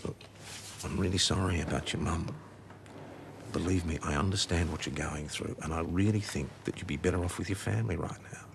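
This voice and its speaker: A gravelly Australian police sergeant. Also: male voice, deep voice, fairly quick. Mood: consoling. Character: gruff middle-aged male country police sergeant. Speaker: police station boss. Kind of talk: television police drama. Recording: TV soundtrack with background noise.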